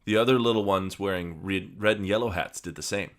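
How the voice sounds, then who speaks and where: A man's voice: sits low, a little fast. A man hosting a podcast, joking dryly and reading a story aloud with plenty of fillers. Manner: dry, deadpan joking with many fillers. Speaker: podcast host. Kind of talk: casual chat and read-aloud.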